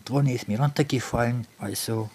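A man giving casual commentary on his hands-on experiments, halting and thinking aloud, often repeating and rephrasing himself, recorded indoors on a handheld camera. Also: medium pitch, darkish tone, husky. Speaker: hobby tinkerer presenting experiments.

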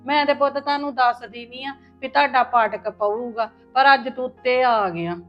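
A complaining mother-in-law, played by a woman, grumbling in a raised, wheedling tone. Her voice sits high and the recording sounds slightly dull. Soft music plays behind. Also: fairly even intonation, moderate pace, natural voice. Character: scheming mother-in-law complaining about daughter-in-law. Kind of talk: Punjabi family web drama.

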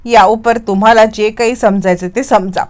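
A woman reading the lines of Kala, a defiant, quick-witted young woman in a TV serial recap. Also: a little high, steady tone, a little mellow, close to an everyday voice. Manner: pleading then sharply defiant.

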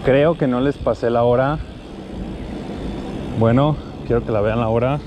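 A man's voice: medium pitch, a little slow. A man with a Mexican accent narrating a casual night exploration vlog to his viewers, recorded outdoors on a body-worn action camera. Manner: addresses viewers as friends, sprinkles in English swearing. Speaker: vlogger. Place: outdoors on city streets at night, riding a bike. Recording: noisy outdoor street and traffic ambience.

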